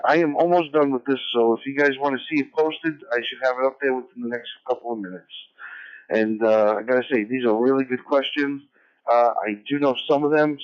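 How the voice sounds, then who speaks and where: A man on a ham radio net gives loose, rambling announcements, stopping and restarting with fillers. His voice is clean and of middling pitch. It arrives through a dull, muffled radio transmission. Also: fairly quick. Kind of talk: casual on-air net announcements.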